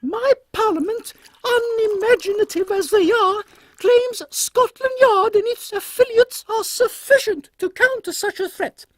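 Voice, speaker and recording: A man's voice: very high-pitched, measured pace, a bit bright, dry recording, pitched above the performer's own voice. A man voicing an imperious, drily witty Queen Victoria with a British accent, regal and condescending, in a steampunk audio comedy. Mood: regal, grave. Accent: British English.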